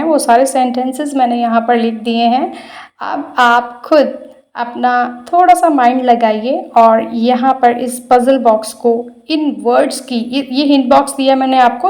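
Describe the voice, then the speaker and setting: A woman's voice: on the high side, darkish tone. A woman teacher, explaining homework answers step by step and mixing into her Hindi. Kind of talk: homework walkthrough.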